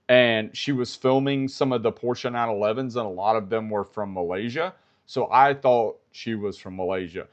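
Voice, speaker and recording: A man's voice: mid-range voice, lo-fi sound. American man telling a car story. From United States. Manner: storytelling, repeats himself. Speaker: vlogger. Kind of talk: live-stream commentary.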